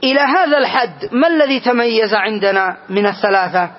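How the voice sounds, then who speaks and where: A man's voice: high voice, fairly quick, a faint crowd. A man teaching a grammar lesson to a class, patiently repeating the key phrases. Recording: dull lo-fi recording.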